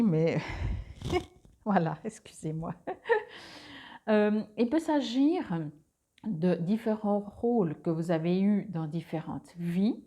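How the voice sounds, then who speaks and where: This tarot card reader has a dark, medium-pitched voice and a Swiss French accent. Her monthly reading is informal and recorded on a clip-on mic, and she stumbles along with frequent fillers and fresh starts.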